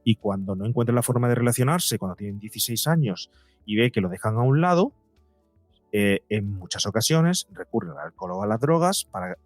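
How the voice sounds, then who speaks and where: Speaking a little fast and animatedly in a lowish voice, a psychologist and podcaster explains ideas as an interview guest, using rhetorical questions in a conversational, instructive style. There's no echo, and soft music sits in the background.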